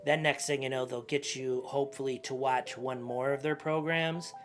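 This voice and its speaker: A man's voice: medium pitch, fairly even intonation, normal speed, soft background music. A man co-hosting a podcast, chatting in eager, agreeable and profane banter. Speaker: podcast co-host. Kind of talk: casual chat.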